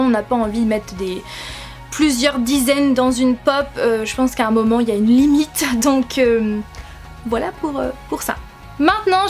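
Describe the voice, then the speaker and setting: A young woman from France chats at home about her collection with high, bubbly enthusiasm. She gushes and stumbles over repeated words, and soft music plays faintly behind her. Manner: enthusiastic, gushing, many hesitations and repeated words. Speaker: YouTuber showing her collectible figures. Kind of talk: casual chat to camera.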